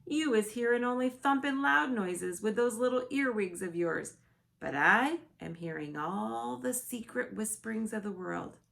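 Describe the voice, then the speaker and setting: A woman voicing a gentle, big-eared male giant who talks earnestly in mixed-up, ungrammatical words. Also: a little high, expressive, unhurried, creaky, pitched above the performer's own voice, heavily acted.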